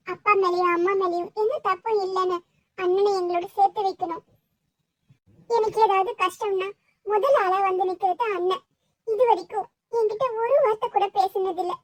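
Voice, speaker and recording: A woman's voice: very high voice, no room sound, low-quality recording. A woman voicing a worried young college girl in a cartoon, speaking earnestly and pleadingly. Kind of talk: cartoon voice acting.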